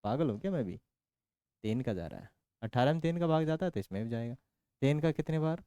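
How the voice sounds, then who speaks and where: A man's voice: on the high side, lively intonation, quick pace, mellow, smooth, no echo. A man teaching a maths lesson in a casual, playful way, working through sums aloud with jokey stories and constant check-in questions. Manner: counts out working steps aloud.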